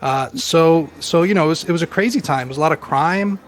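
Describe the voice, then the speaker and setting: Speaking fairly quickly in a slightly high voice, a roughly forty-year-old guest from Queens, New York, casually recounts his life. His story wanders, laced with fillers and self-deprecating humor.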